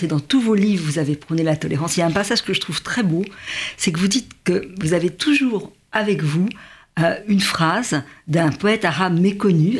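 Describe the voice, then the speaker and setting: A woman hosts a literary interview in a husky voice of middle pitch. She asks admiring questions and often completes her guest's sentences for him. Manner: admiring, prompting, fills in the guest's words. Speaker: host of a literary show.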